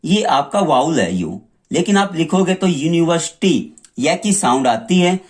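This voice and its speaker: Male tutor, unhurried and deliberate, drilling examples one at a time in a lesson. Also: on the high side, big pitch swings. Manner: slow, repeats examples and sounds them out. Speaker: English grammar teacher. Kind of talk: classroom lesson explaining articles.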